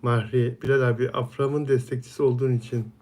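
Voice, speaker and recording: A man hosts a casual live stream, reading viewer comments aloud one after another. His voice sits at an ordinary middle pitch, and he answers each viewer by name in a friendly, chatty manner. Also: little pitch movement, fairly quick, a little mellow.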